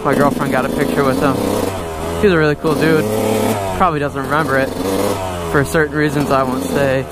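A man's voice: mid-range voice, a little fast. A young man vlogger casually telling a rambling story with lots of fillers while riding a dirt bike outdoors. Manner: rambling, filler-heavy, relaxed. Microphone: helmet or handlebar action camera. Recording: loud engine and wind noise. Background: motorcycle engine.

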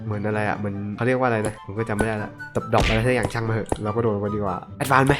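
A young man casually commentating web games as he plays them, excitable and joking, often swearing at himself. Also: lowish voice, racing, music in the background. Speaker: gaming channel host.

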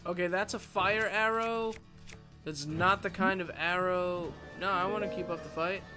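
A man's voice: sits high, fairly even intonation, moderate pace. A man casually commenting while playing a video game, muttering and exclaiming as he goes. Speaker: gaming video host. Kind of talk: casual let's play commentary. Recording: game music playing loudly behind.

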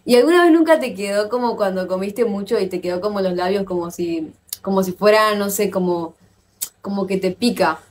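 A woman with an Argentine accent chatting casually with viewers on a live stream, playful and quick to exclaim and laugh. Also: mid-range voice, a little hiss or hum. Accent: Argentine Spanish. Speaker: livestreamer.

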